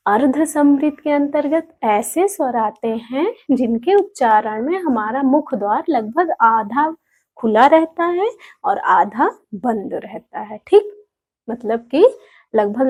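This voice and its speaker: A woman's voice: a little high, darkish tone, husky. A woman teaching a Hindi grammar lesson online, patiently repeating each term and asking her students rhetorical questions. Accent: Indian Hindi.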